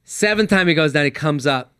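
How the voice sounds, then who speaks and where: A man, a comedian guest on a podcast, telling a story in casual chat, animated and swearing freely. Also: on the high side, a little fast, smooth, no echo, clean studio sound.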